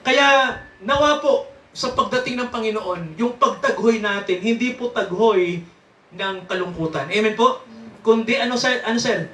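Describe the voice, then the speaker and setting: A man's voice: high voice, bright, forceful tone, slight background noise. A man preaching in a church, teaching from the Bible and quizzing his congregation with frequent tag questions and chuckles. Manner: chuckles often while teaching. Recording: echoey room, mic at a distance.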